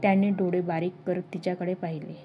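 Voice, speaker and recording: Female storyteller, low-pitched voice, reads the whole cast herself, steady music under her. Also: fast, lo-fi sound. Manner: reads the whole story alone, giving every character's lines herself. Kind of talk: scripted story narration.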